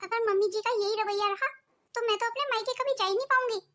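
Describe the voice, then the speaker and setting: A woman's voice: extremely high pitch, fairly even intonation, quick pace, a bit bright. A woman voicing a homesick young daughter-in-law in a cartoon, pleading and complaining. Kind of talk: cartoon voice acting.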